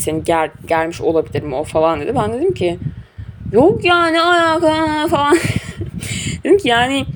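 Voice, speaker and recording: A woman's voice: mid-range voice, background noise. A young woman casually recounting a personal story, animatedly acting out quoted dialogue.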